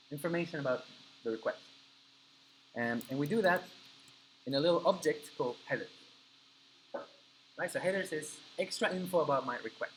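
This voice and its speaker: An Argentine coding instructor, a native Spanish speaker, teaches a live class, walking through each step and checking in with his students. His voice is fairly high and a bit bright, in a low-quality recording with slight background noise.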